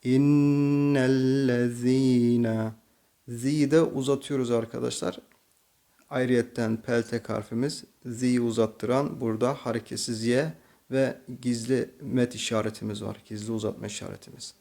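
A man with a Turkish accent teaching slow Quran reading, patiently explaining each letter and then reciting the words slowly and drawn out. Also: medium pitch, steady tone, creaky, a little mellow. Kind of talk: slow tajweed reading lesson.

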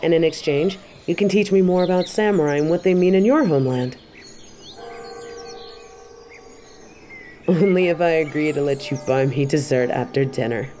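Roleplay audio: composed female tiger martial arts master, acted by a woman, stern yet warm-hearted, dark mellow tone, slight background ambience. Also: deep voice, a little hiss or hum, lightly acted. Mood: friendly. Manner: measured, composed, speaking directly to the listener. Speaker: voice actor in a fan roleplay audio. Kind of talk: scripted roleplay addressed to the listener.

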